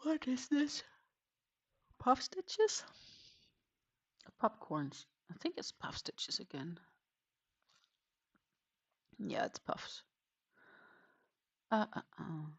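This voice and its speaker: Speaking extremely slowly and pausing often, this woman's slightly high voice swings hugely in pitch and has a breathy edge, recorded dry. She runs a crochet livestream, chatting loosely with many ums and quietly counting her stitches while she works.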